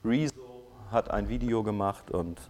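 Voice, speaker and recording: A preacher giving a sermon who keeps asking the listeners rhetorical questions, checking in with short "ja?" tags and swinging between loud, stretched-out emphasis and quiet asides. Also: mid-range voice, measured pace, slight background noise. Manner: swings from loud to soft, drawing out key words.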